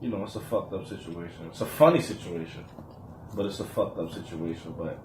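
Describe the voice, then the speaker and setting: A man's voice: sits low, brisk, a little mellow, reverberant, a little hiss or hum. A man co-hosting a podcast in casual chat, earnest, restarting his sentences as he makes a point. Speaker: podcast co-host.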